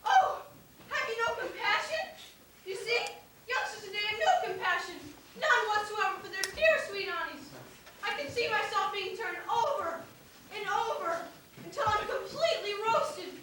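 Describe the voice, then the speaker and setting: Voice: extremely high pitch, expressive, normal speed, sharp tone, a little hiss or hum, heavily acted. Someone playing a melodramatic fussy aunt. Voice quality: theatrical, swooping. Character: dramatic fussy middle-aged aunt. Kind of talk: stage musical acting. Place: stage. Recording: echoey hall, distant mic.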